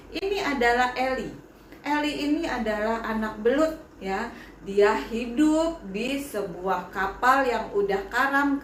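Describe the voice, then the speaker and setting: A woman, a Sunday school teacher, telling a Bible lesson story to children in an animated way. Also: on the high side, echoey room, slight background noise. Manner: animated, speaks to children directly. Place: church broadcast.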